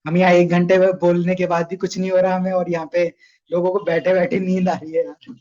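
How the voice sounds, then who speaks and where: A man's voice: high voice, monotone, fairly quick, a little mellow, dull audio. A young man runs a casual online sales training session, chatty and coaxing, often asking his listeners questions.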